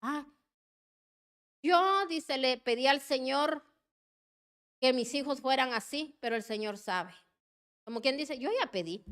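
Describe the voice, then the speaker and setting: A woman preaching a sermon with passion, calling her listeners her brothers again and again and swinging between loud urging and quiet, heartfelt pleading. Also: high voice, takes it slowly, long pauses.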